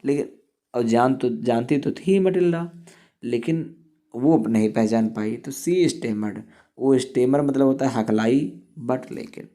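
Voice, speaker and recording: A man's voice: mid-range voice, takes it slowly, dark tone. A male teacher explaining an English story line by line, reading each sentence and then glossing it in Hindi.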